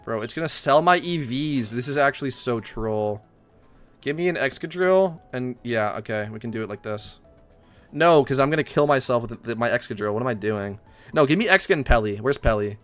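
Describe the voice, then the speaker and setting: A young man livestreaming a game, chatting casually, swearing and ranting loudly at it. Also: mid-range voice, a little fast, faint music behind. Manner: excitable, swears often, rants loudly at the game. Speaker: streamer.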